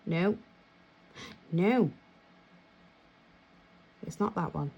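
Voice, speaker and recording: A woman's voice: fairly low pitch, drawn-out words, gravelly, breathy edge, muffled recording. A young British woman chatting casually and rambling as she counts and sorts her cash. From United Kingdom. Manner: chatty, rambling, self-laughing. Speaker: vlogger.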